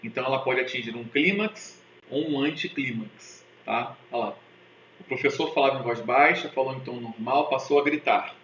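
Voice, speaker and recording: Casual Brazilian teacher in an echoey room. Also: male voice, mid-range voice, moderate pace, highs cut off, a little hiss or hum. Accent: Brazilian Portuguese. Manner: casual, lively, asks checking questions. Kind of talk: exam-prep lesson.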